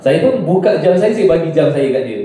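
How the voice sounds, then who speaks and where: A man's voice: on the high side, lively intonation, a little fast, warm tone. A young man with a Malaysian accent, an imam, telling a personal story to a class and acting out the voices of the people in it. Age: young adult. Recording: very echoey room, heard from a distance.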